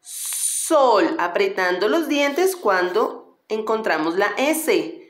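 A woman, a kindergarten teacher leading children through a slow syllable-by-syllable reading drill, patient and encouraging. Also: mid-range voice, very animated. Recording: echoey room.

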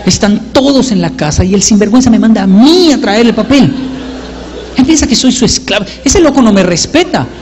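A man doing stand-up storytelling, animated and self-mocking, acting out the voices of his family. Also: high voice, brisk, big-room sound, slight background noise. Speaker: comedian.

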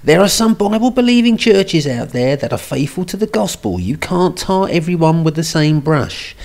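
A man putting on a prim high woman's voice. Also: big pitch swings, moderate pace, creaky, darkish tone. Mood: earnest. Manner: high falsetto, prim reading tone. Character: female online commenter, earnest and preachy.

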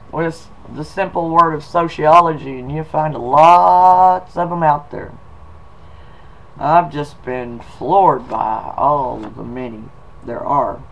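Slow, folksy sounding man. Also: a little high, low-quality recording. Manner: folksy, slow, drawling delivery with y'all and 'em. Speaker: video blogger. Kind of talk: casual reading and storytelling.

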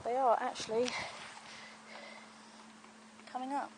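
A woman chats and explains her way through a homely walking tour of her allotment garden, filming on a handheld camera from off screen. She has a high-pitched voice with a flat delivery and a slow pace. The outdoor camera audio has clear background noise.

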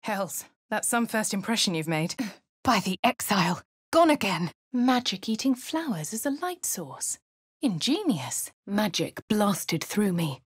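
An actress with a posh English accent voices a posh female adventurer, the player character, delivering cool, wry game lines and narration. Her medium-pitched voice swings widely in pitch, unhurried and slightly rough. It's a dry, close studio-mic recording of studio quality.

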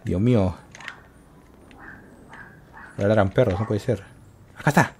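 A man's voice: fairly low pitch, moderate pace, a little mellow, slight background noise. A man giving casual gameplay commentary, muttering to himself and calling out to his viewers. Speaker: gaming channel host.

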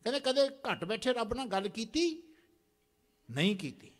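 A man's voice: very high-pitched, sing-song, normal speed. A man preaching a sermon in a large temple prayer hall, exhorting the congregation and having them repeat lines after him. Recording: long hall reverb.

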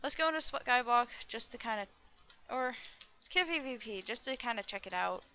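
A woman's voice: on the high side, expressive, moderate pace, sharp tone, slight background noise. A young woman hosting a gaming channel, rambling to herself through a Minecraft server review and squealing when attacked. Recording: dull lo-fi recording.

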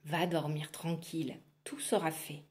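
Gentle magic doll, calm soothing voice, storybook reading, as a woman reads it. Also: low-pitched, unhurried.

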